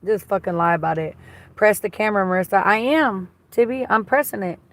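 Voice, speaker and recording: A livestream host with a slightly raspy, mid-range voice chats casually and reads out viewer comments, blunt, gossipy and full of swearing. She sounds expressive and speaks briskly.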